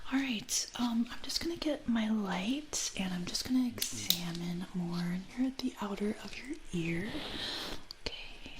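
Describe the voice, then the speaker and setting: A woman in a whispered role-play as an ear examiner, speaking in a soft, breath-only whisper with a gentle, reassuring manner and frequent check-ins. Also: medium pitch, measured pace, noisy background. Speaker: ASMR performer playing an ear examiner.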